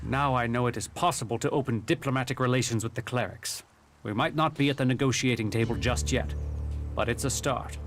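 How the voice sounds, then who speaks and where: A man's voice: medium pitch, a little fast, natural voice. Man acting a commanding warlord over music. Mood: measured, approving. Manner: formal, commanding. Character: stern, authoritative male warlord, grudgingly approving. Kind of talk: video game dialogue.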